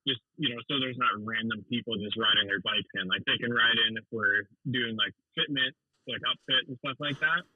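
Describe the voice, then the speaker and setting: A man's voice: medium pitch, brisk, no room sound. A man calling in by phone while driving, telling a rambling story in a casual way, swearing often and laughing between lines. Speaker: suspension tech calling in. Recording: muffled phone-call audio.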